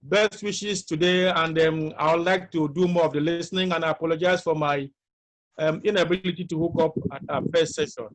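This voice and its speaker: A man speaking slowly and earnestly during an online meeting. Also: a little high, steady tone, low-quality recording. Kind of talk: casual online meeting remarks.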